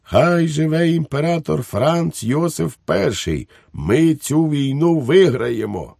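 A man's voice: medium pitch, expressive, moderate pace, creaky, a little mellow, breathy edge, dry recording, clean studio sound, voice pushed up. A man voicing a cheerful, simple-minded good soldier in an audiobook, eager and politely naive. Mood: eager, rousing. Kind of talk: audiobook character voice.

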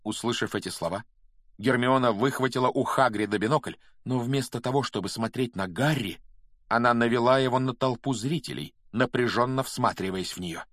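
A man narrating a fantasy audiobook in a brisk, steady storytelling manner. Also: medium pitch, dry recording, clean studio sound. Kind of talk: scripted narration.

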